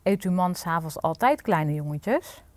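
A woman's voice: on the low side, lively intonation, normal speed, no room sound, lightly acted. A scared but clever little boy from a children's storybook, asking timid questions, as a woman reader voices him. The sound is close and dry.

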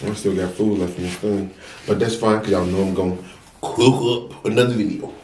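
A young adult man from the US vlogs a mukbang, giving insistent, sermon-like advice to camera with repeated lines as he eats. His deep, slightly mellow voice moves a little fast with fairly even intonation, amid slight background noise and roomy echo.

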